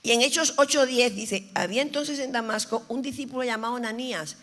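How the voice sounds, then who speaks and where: A woman pastor preaching an animated sermon, telling stories and teasing her audience. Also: fairly high pitch, fairly quick. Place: large church hall. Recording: reverberant hall.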